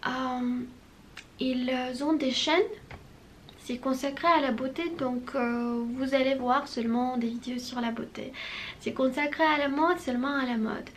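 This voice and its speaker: A woman with a high voice chats casually to her viewers. She speaks with a non-native accent, takes her time, and pauses often to search for words. Her voice sits over a faint background hum. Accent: non-native French accent. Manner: hesitant, with many pauses and fillers; deliberately unhurried delivery. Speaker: channel host.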